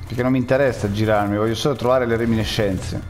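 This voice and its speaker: A man's voice: lowish voice, fairly even intonation, fast talker, slight background noise. A man giving jittery, jokey live commentary while playing a game and talking to his chat. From Rome, Italy. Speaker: gaming streamer.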